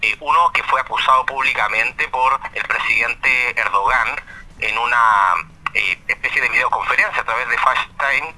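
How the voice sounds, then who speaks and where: Male phone-in correspondent, heard through the phone, bright edgy tone, careful explainer who hesitates often. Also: mid-range voice. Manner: measured explainer with frequent hesitation fillers. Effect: heard over a phone line. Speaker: caller, radio correspondent. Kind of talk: live call-in news update.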